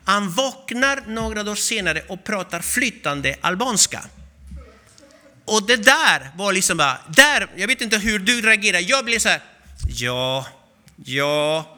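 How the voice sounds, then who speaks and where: A man preaching a sermon, telling a story with animated, acted-out voices. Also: sits high.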